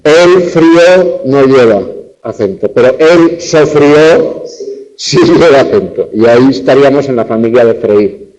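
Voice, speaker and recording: A man's voice: medium pitch, animated, measured pace, a little mellow, rough recording. A man teaching a university lecture on spelling and accent marks, stretching out example words syllable by syllable. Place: classroom, lecture streamed online.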